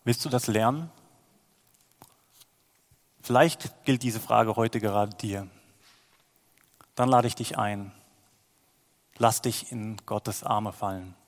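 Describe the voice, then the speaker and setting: A man's voice: fairly low pitch, steady tone, slow pace, pauses often, long reverb tail. A man preaching a sermon, earnest and inviting, at times rising to fervent exclamations.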